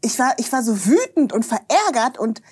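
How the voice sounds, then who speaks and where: A woman guest on a podcast, chatting casually and telling lively stories that act out what people said. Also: on the high side, moderate pace, husky. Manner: lively storyteller, acts out quoted dialogue, frequent tag questions.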